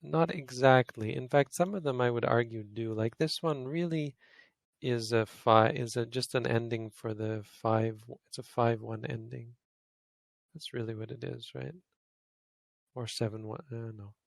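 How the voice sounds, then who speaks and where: A Buddhist monk explains grammar to a study group in a relaxed, thinking-aloud way, often stopping to correct himself. His voice is mid-pitched with a gravelly edge. It sounds close and dry, with no room around it. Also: measured pace, dry recording. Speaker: Buddhist monk teaching Pali.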